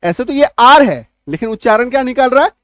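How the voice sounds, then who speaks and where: A man teaching an English spelling lesson, explaining step by step, spelling words out slowly and loudly, and often asking whether the class is following. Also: very high voice, lively intonation, no echo, studio quality. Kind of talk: spoken language lesson.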